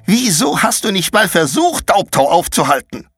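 A man's voice: a little high, lively intonation, measured pace, husky, dry recording, soft background music, pitched above the performer's own voice, exaggerated voice. Man doing a fierce, scolding young girl warrior. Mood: furious. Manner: sharp, scolding.

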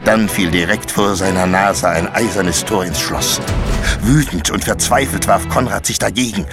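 Low-voiced man reading a German storybook. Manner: measured, dramatic storytelling. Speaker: narrator. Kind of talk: audiobook narration. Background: faint music.

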